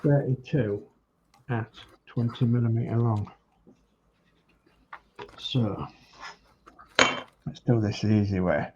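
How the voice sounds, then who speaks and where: A man's voice: fairly low pitch, slow, long pauses. A man with a Hull accent talks casually to himself, thinking aloud as he works at a hands-on task. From Hull, England. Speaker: hobbyist presenter demonstrating model making. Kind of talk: casual muttered talk while working. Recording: muffled, clearly noisy room recording with clicks.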